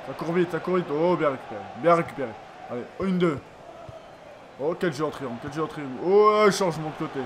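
Excitable gamer with a higher voice. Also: male voice, fast talker, a crowd in the background. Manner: excitable, repeats phrases, lots of ooh-la-la exclamations. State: just woke up, yawning. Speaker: gaming YouTuber. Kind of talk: live commentary over a football video game. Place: home room at a computer. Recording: noisy home recording.

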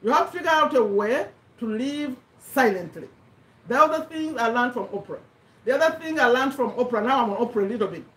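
A middle-aged woman from Uganda, English not her first language, giving an animated motivational talk and repeating her points for emphasis. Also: a little high, a little fast, far from the mic. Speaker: host of a live business talk. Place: home room with a bookshelf, indoors. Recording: echoey room, voice a little off-mic.

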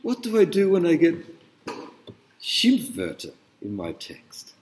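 A man's voice: on the high side, wildly swooping pitch, a little slow, darkish tone, slight background noise. Man lecturing in an echoey hall. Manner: conversational, rhetorical questions, many fillers. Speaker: university lecturer. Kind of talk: live lecture to students. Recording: echoey hall, speaker away from mic.

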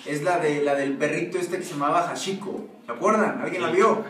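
A man's voice: on the high side, brisk, fairly bright tone. A male pastor preaching a sermon, often asking his congregation questions. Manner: asks the congregation frequent questions. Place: church hall. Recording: echoey room from far off, noisy.

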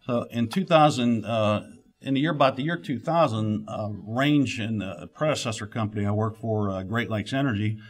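A middle-aged man, an exploration geologist, giving a conference keynote at a podium, speaking in a halting way with many "uh" fillers and restarts. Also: fairly low pitch. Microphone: podium microphone.

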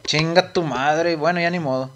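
A young man with a Mexican accent talks loosely while he streams a game. His voice sits a little high, and he rambles with plenty of swearing and "güey" in nearly every line. Faint game music plays underneath. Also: fairly even intonation, moderate pace, fairly bright tone. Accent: Mexican Spanish. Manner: rambling, profane, says "güey" constantly. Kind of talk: casual chat while gaming on a live stream.

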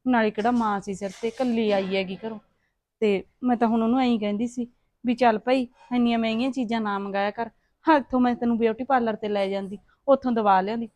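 An actress playing a forgiving middle-aged mother who calms her son, with a Punjabi accent. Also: on the high side, quick pace, no echo, natural voice. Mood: soothing. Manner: soothing, calming. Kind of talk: short-film acting.

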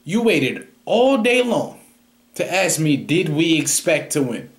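Cocky young man in a lively mock press conference. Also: a little high, takes it slowly. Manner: cocky, defensive, rambling answers. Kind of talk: comedic parody press conference. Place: small room indoors. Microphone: large studio microphone close up.

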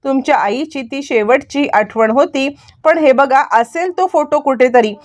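Woman doing a soft soothing young husband, dry close recording. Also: high voice, measured pace, no echo. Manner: soothing, pleading.

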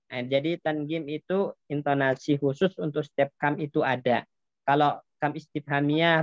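A man's voice: on the high side, clear, resonant tone, no room sound, muffled recording. A man teaching an Arabic grammar class, patiently explaining step by step and quizzing his students.

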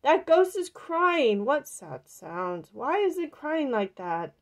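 A woman reading a picture book aloud and voicing a fussy, flustered old farm woman who exclaims loudly in mild oaths, with a gravelly edge. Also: medium pitch, animated, normal speed. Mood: worried.

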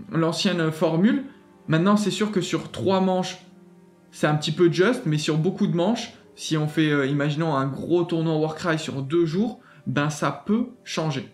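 Casual gaming host, male, slightly high voice, chatty and keen, faint music underneath. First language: French. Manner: chatty, enthusiastic, many fillers and restarts. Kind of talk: casual screen walkthrough.

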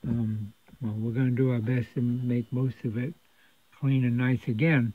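At a workbench in an indoor electronics repair workshop, a radio repair technician hosts a repair video, narrating casually without a script and wandering conversationally through his explanations. His mid-range voice is unhurried with fairly even intonation. The dry recording has a thin, phone-like sound.

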